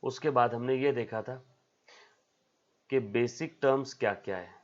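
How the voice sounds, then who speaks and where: A man's voice: mid-range voice, unhurried. A man teaching a commerce class on video, repeating his points over and over and calling the students "beta". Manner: repetitive, drilling, calls students "beta". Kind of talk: recorded video lecture. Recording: slightly dull lo-fi sound.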